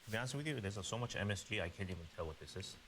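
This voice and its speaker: A man's voice: on the low side, animated, racing, a bit bright. A man giving explanatory food commentary as a chef. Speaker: chef on a tasting panel. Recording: clear background hiss.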